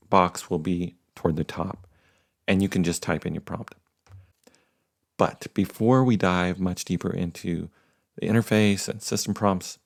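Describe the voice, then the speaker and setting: Low, gravelly man explaining software. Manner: plain, explanatory, with frequent "uh" fillers. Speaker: software tutorial presenter. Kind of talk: screen-recorded tech tutorial.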